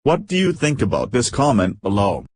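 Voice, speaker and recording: A man's voice: medium pitch, wildly swooping pitch, moderate pace, husky, dry recording. A man reading scripted narration for a news video.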